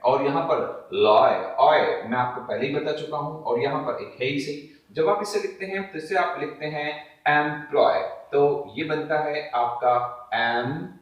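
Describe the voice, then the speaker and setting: A man teaching English syllables in Hindi as a video lesson, talking to viewers as friends, asking and answering his own questions, drawing example words out slowly. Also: on the high side, highs cut off. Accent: Indian, speaking Hindi. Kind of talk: classroom-style video lesson. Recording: very echoey room, voice from a distance.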